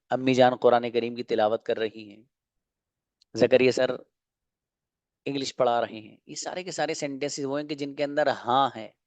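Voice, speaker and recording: A man teaching an online English class, explaining slowly and asking and answering his own questions. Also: medium pitch, no echo.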